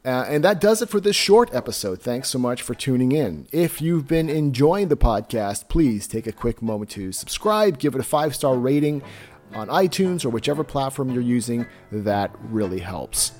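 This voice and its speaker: A man's voice: mid-range voice, expressive, moderate pace, darkish tone, soft background music. A middle-aged man talking casually and earnestly as a solo podcast host, in an encouraging way. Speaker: podcast host and tango teacher.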